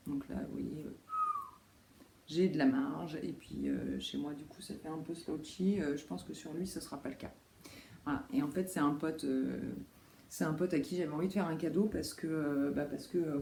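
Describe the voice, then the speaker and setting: In a roomy, echoing recording with faint background noise, a woman with a low, mellow voice vlogs casually about her knitting. She rambles through this show-and-tell chat with lots of fillers, correcting herself as she goes.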